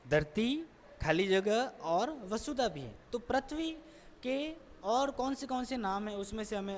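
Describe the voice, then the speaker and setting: Lady teacher going over answers slowly and patiently, lots of echo. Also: medium pitch, a little hiss or hum. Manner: patient, step-by-step explaining with repetition. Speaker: school teacher. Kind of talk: recorded classroom lesson explanation. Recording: long echoing reverb.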